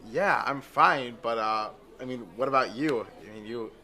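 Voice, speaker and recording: A man's voice: medium pitch, normal speed, bright, forceful tone, low-quality recording. An actor playing an awkward young man on a blind date who has huge, squealing sneeze fits. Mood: sly. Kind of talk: comedy sketch acting.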